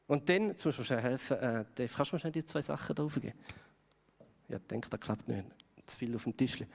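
A man's voice: mid-range voice, expressive, fairly quick, vocal fry. A man with a Swiss German accent preaching a sermon in a conversational way, putting questions to his audience. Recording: long hall reverb.

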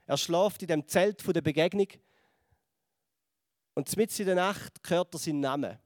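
A Swiss German preacher who retells an old story with animation, sometimes sinking to a near whisper. His voice sits slightly high, and the sound is close and dry with no room around it. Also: moderate pace, no room sound. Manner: lively storytelling, acts out voices and drops to a hush. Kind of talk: sermon retelling a Bible story.

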